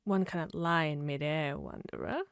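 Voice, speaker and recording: A woman's voice: low voice, sing-song, vocal fry, clean tone, no echo, studio quality, full character voice. A woman voicing a grinning, fickle cat from Wonderland, playful and riddling, in an ASMR fantasy roleplay. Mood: coy, riddling. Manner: slow, playful, riddling drawl. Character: grinning Cheshire cat, teasing, fickle, mad Wonderland creature.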